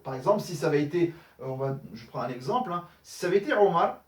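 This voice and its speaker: Man, teacher, patient explanations, lots of fillers, higher pitch, distant mic. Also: lively intonation, fast talker. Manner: explanatory, many fillers, checks understanding with "d'accord?". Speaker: Arabic teacher. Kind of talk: recorded grammar lesson correcting exercises. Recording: echoey room, voice somewhat off-mic.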